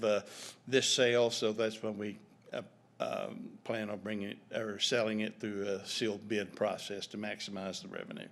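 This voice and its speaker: A man, a district administrator, explaining agenda items at a board meeting in a measured, businesslike way. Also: on the low side, a bit bright.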